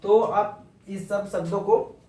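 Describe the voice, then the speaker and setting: A man's voice: high voice, fairly even intonation, mellow, far from the mic. Man teaching words in an echoey room. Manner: explains slowly in Hindi mixed with English, repeating words and spelling them out. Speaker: English vocabulary teacher. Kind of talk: informal vocabulary lesson.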